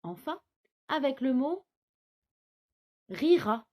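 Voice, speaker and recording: A woman teaching a phonics lesson to small children, sounding out each word syllable by syllable. Her voice sits a bit high and swings up and down a lot. She speaks very slowly and carefully. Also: sing-song, muffled recording. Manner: slow, clearly articulated, syllable by syllable. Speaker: kindergarten teacher. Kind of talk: recorded remote phonics lesson for young children.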